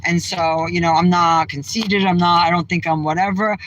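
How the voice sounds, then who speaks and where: A woman's voice: lowish voice, steady tone, moderate pace, a bit bright, lo-fi sound, a little hiss or hum. A woman from Massachusetts hosting a casual livestream, bluntly firing back at viewers' comments from her car. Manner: brash, outspoken, trash-talking. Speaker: livestream host. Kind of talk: casual live chat reading comments.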